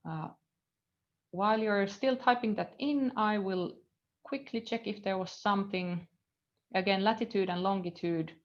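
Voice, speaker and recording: In a mid-range voice and at a slightly slow pace, a Finnish-accented woman in her thirties teaches live coding as a university lecturer, seated at a computer in an indoor room. Her thinking-aloud delivery is full of fillers and trails off while she reads code, all captured on dull audio.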